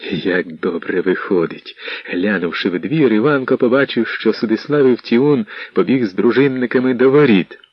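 A man narrating a historical novel as an audiobook, reading in an animated, dramatic way on a dull, dry lo-fi recording. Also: fairly low pitch, slightly rough, no room sound. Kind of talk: expressive storybook narration.

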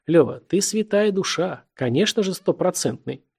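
A male narrator voices a sly young man in an audiobook, a character who needles and prods his friend with mocking, insinuating questions and laughs a lot. The narrator pushes his voice up above his own reading voice, so it sits high yet keeps a gravelly, husky, slightly mellow grain. The delivery is expressive and heavily acted at a normal speed.

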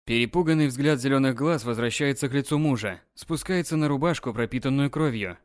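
A man reads an audiobook aloud in an even, dramatic storytelling manner. His voice sits at a medium pitch. The recording is dry and close, with no echo. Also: brisk. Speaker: narrator. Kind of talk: scripted audiobook narration.

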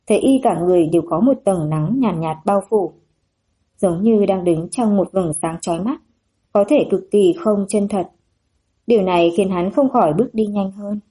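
A woman narrating a novel as an audiobook in a steady, even storytelling manner. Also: mid-range voice, slightly rough.

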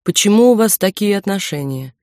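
A woman doing a soft-spoken, possessive young lover. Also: mid-range voice, animated, brisk, dry recording, clean studio sound, lightly acted. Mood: gentle probing. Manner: careful, soft-spoken, self-assured. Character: confident possessive young man, gentle lover.

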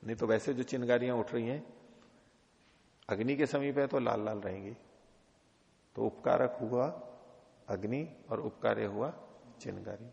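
A man with a gravelly, rough-edged voice teaches a scripture class, reading lines slowly and then explaining them plainly with questions to his students. The recording sounds dull and muffled, with a long echo from a big hall. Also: mid-range voice, fairly even intonation, a little mellow. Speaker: Vedanta teacher. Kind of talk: scriptural lecture.

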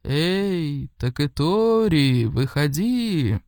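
A woman's voice: big pitch swings, dry recording, clean studio sound. A woman doing a stern, imperious celestial leader. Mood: commanding. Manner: imperious, slow and booming.

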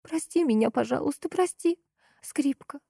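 A woman's voice: fairly high pitch, steady tone, moderate pace, warm tone, husky, dry recording, studio quality, voice pushed up. A woman voicing a frightened young bride who pleads through tears. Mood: tearful pleading. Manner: trembling, breathless pleading.

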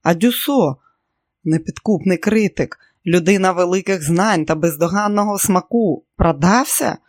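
Audiobook reader, dramatic expressive reading, mid voice, dry close mic. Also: mid-range voice, unhurried, dry recording. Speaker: audiobook narrator. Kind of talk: scripted audiobook narration.

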